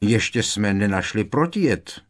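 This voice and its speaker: A man's voice: on the low side, expressive. A man doing a jaunty prankster teen. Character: jovial mischievous teenage prankster boy.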